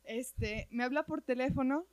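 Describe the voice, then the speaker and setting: Speaking at a moderate pace with a high pitch and no echo, a woman with a Mexican accent relates a personal experience. Her chat is informal, animated and full of slang, with frequent "güey"s.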